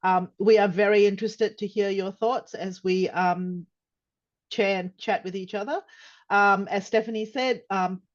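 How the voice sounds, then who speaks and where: An older woman co-presenting a webinar over a video call, speaking carefully and warmly with frequent ums. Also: mid-range voice, highs cut off. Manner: warm, careful, frequent um fillers.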